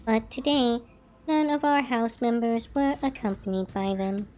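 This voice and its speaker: A woman voicing a cold, mechanically augmented noblewoman from a game, speaking in a formal, measured way. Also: on the high side, darkish tone, slight background noise, lightly acted.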